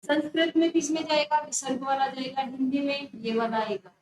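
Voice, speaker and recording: High-voiced woman teacher, echoey room. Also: steady tone, normal speed, darkish tone. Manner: correcting students firmly, repeating the word under discussion. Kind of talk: exam prep lesson going over a test. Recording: echoey room with faint noise.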